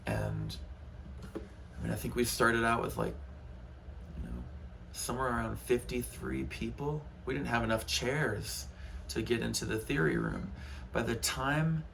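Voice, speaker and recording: Guitar teacher, male, 30s, gravelly, rambling and frank, faint hiss behind. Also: mid-range voice, huge pitch swings, a little slow, long pauses. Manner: rambling, frank, heated at times. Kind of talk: casual spoken guitar lesson.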